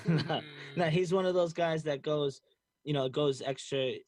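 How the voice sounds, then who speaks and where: A man's voice: a little high, measured pace, a little mellow, no echo. Guy rambling through sports talk, lots of fillers, dry mic sound. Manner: rambling, filled with "you know" and "like". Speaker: co-host. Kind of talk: casual sports chat.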